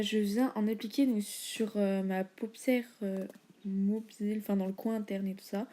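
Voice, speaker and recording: A woman's voice: mid-range voice, warm tone. A young woman chatting casually through a makeup tutorial, with many fillers and informal slang. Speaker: beauty vlogger.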